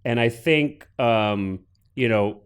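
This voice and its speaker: A man's voice: mid-range voice, slow pace, clear, resonant tone. A man in his late forties co-hosting a film podcast, chatting casually and animatedly with many restarts. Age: 40s. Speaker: podcast co-host. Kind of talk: casual chat.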